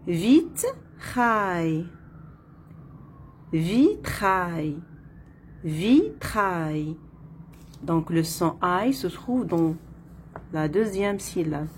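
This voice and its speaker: Slow, careful Arabic-accented woman teaching French. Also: mid-range voice. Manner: repeats each word slowly, syllable by syllable. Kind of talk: slow, deliberate phonics lesson. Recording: faint background noise.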